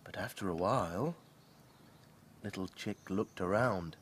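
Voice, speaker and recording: A man's voice: deep voice, heavy background noise. A man playing a grown-up storyteller figure in a children's show, reading a story aloud with gasps. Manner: slow, very sing-song storytelling with gasps.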